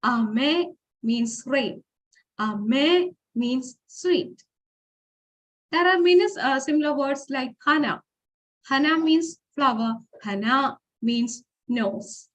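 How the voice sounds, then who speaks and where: A woman's voice: high-pitched, takes it slowly. A woman giving an informal lecture presentation, explaining step by step with fillers and restarts, and reading example phrases aloud. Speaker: forum speaker.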